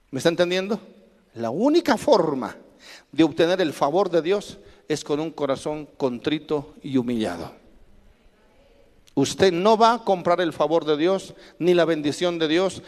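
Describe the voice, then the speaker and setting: Male pastor, high voice, emphatic preaching with call-and-response, long reverb from the church hall. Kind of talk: sermon.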